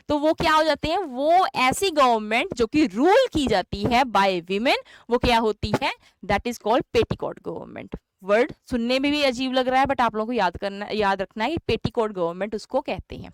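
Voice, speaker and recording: A woman's voice: fairly high pitch, smooth, dry recording. A young Indian woman teaching an English exam-prep lesson, chatty, often asking questions and answering them herself. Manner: chatty, asks and answers her own questions.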